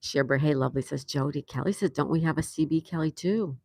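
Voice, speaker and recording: An older woman from New York chats on a casual patio livestream, reading viewer comments aloud with lots of laughter. She speaks quickly in a deep, darkish voice with vocal fry, recorded in studio quality with no room sound.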